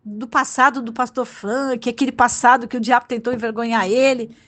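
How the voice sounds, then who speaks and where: High-voiced fervent Brazilian woman preacher. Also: steady tone, fairly quick, a bit bright. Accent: Brazilian Portuguese. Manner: fervent, exclamatory, emotional. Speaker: bishop preacher. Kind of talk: sermon.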